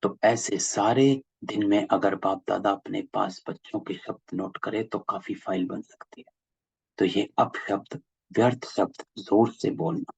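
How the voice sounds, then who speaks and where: Man, husky raspy voice, spiritual teacher, patient repetitive explanation, lo-fi video call audio. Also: on the low side, no room sound. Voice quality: gravelly, husky. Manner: patient, repeats key phrases. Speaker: spiritual class leader. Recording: dull lo-fi call audio, dry.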